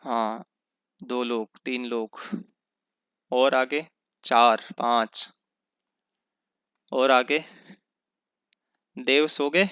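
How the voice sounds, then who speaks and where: A man teaching an online revision lecture, explaining step by step by asking and answering his own questions and slowing down to spell out sounds. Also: mid-range voice, fairly even intonation, sharp tone, clear, resonant tone, dry recording. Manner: slows down to spell out sounds and example words. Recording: dull lo-fi sound.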